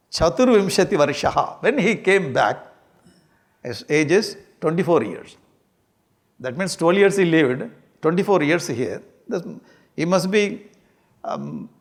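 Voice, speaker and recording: A man with a South Indian accent giving an informal scripture lecture, speaking in an animated, humorous way and repeating key phrases. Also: a little high. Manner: animated, repeats phrases, light chuckling humour.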